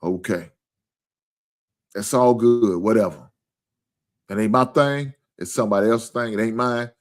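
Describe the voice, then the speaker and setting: Middle-aged guy hosting a live stream, lowish voice, swears a lot, folksy and earnest, repeats himself. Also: unhurried. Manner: profane, folksy, earnest and repetitive. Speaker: host of a live sports stream. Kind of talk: casual live-stream talk.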